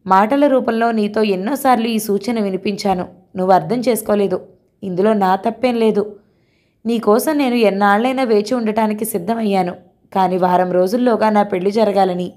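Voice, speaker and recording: A woman voicing an earnest young man who gently pleads and reassures his bride, in a mellow voice. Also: mid-range voice, natural voice.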